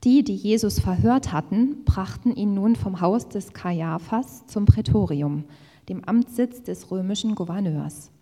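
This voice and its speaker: Female reader for a Bible passage: steady, measured pace, dark soft timbre, reverberant hall. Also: medium pitch. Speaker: scripture reader. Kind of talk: Bible reading aloud.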